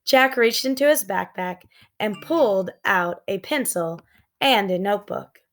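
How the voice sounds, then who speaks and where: Woman, children's read-aloud narrator, unhurried pace, animated intonation, medium pitch, suspenseful phrasing. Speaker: storybook reader.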